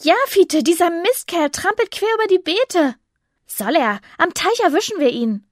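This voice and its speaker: A woman's voice: very high voice, animated, normal speed, no room sound, clean studio sound, pitched above the performer's own voice. A woman voicing a bold young witch girl who chants rhymed spells in a children's audiobook. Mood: determined.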